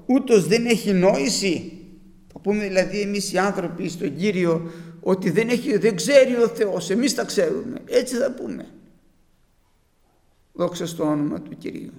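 A man's voice: high voice, lively intonation, darkish tone, big-room sound. A man preaching a sermon, quoting scripture emphatically and firing off rhetorical questions.

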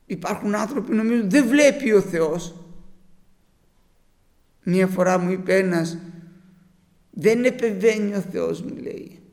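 A man's voice: high voice, long pauses, darkish tone, big-room sound. A man preaching a sermon, quoting scripture emphatically and firing off rhetorical questions.

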